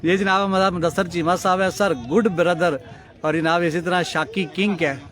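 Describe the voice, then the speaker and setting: A man giving lively, joking live commentary at a local cricket match, tossing in English cricket phrases. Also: sits high, moderate pace. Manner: excitable, jokey, mixes English cricket phrases. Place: outdoor cricket ground. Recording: loud crowd around the mic. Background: crowd.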